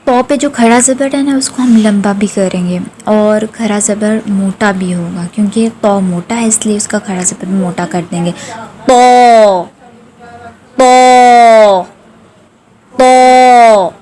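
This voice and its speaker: A woman teaching Quran recitation rules, patiently repeating each syllable slowly for listeners to practice. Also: mid-range voice, fairly even intonation, dark tone. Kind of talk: slow tajweed lesson with drawn-out recitation.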